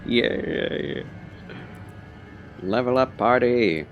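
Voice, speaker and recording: A man's voice: mid-range voice, animated, slow pace, gravelly, dull audio. A man doing casual, playful live gameplay commentary as a streamer, in short muttered reactions. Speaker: game streamer. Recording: streamer voice over loud game music.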